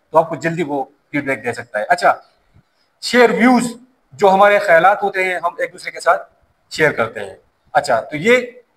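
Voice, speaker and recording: Here a safety course instructor with a slightly high, fairly bright voice lectures to a classroom over poor audio. He comes from Pakistan's Pashto-speaking region, speaks Pashto natively, and works through the material by asking questions and answering them on his own.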